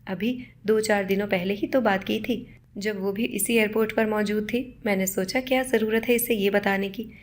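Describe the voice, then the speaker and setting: A woman narrating a scripted first-person moral story in a steady, measured reading. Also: medium pitch, slight background noise.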